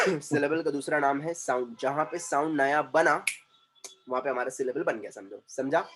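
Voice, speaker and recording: A man, a communication trainer teaching an online class, drawing out syllables slowly and quizzing his students. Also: fairly high pitch, a bit bright, a little hiss or hum.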